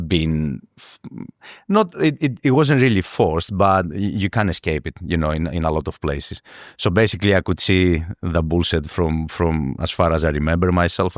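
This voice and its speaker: A man from Greece, a podcast guest speaking earnestly in a halting way, often repeating words as he searches for them. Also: low voice, dry recording, clean studio sound. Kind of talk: podcast interview.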